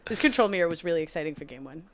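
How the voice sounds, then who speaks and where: Teasing commentator calling a card game, mid pitch, hams it up. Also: animated, very fast, fairly bright tone. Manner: playful, teasing, theatrical.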